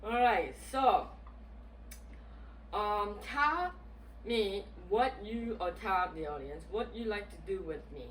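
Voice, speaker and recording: A woman's voice: mid-range voice, animated, takes it slowly. A woman interviewing her husband in a casual, chatty way. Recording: distant mic, noisy room ambience.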